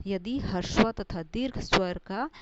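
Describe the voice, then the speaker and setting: Woman teacher, slow deliberate lesson delivery, repeats every point, dull lo-fi recording with steady hiss. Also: medium pitch. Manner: repeats each point and glosses terms with English words. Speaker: Hindi teacher. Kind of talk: slow classroom grammar lesson.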